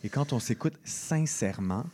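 A man talking on the radio in a reflective, measured way. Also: mid-range voice, lively intonation, darkish tone. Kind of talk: casual radio talk.

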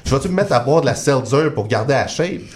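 A man with a Quebec French accent telling comic personal stories as a guest on a radio show, self-mocking and quick with asides. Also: medium pitch, lively intonation, darkish tone. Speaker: guest columnist. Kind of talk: comic radio chronicle, casual banter. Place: radio studio.

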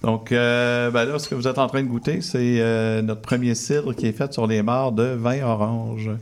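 A man's voice: medium pitch, steady tone, moderate pace, clear, resonant tone. A man with a Québécois French accent, a cider maker guest on a radio interview, talking hesitantly with many fillers. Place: radio studio.

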